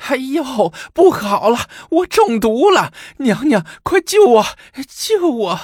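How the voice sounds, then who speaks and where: A shrill palace eunuch for a storybook reading, his voice shooting far above his own and wailing loudly. It is husky and close, in a dry room. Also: very animated, slow, dry recording, full character voice. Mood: panicked.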